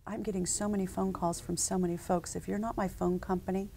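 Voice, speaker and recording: A company founder in her forties answers interview questions in a measured, businesslike manner, with frequent ums and uhs. Her mid-range voice is gravelly and mellow, with little pitch movement. A lapel mic at a conference set picks up slight hiss or hum.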